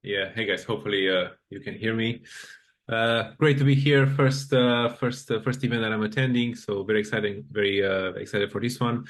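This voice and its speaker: Chatty low-voiced man from Romania. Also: steady tone, moderate pace. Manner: chatty, filler phrases like "you know". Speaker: product consultant. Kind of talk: self-introduction on a video call. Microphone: video call.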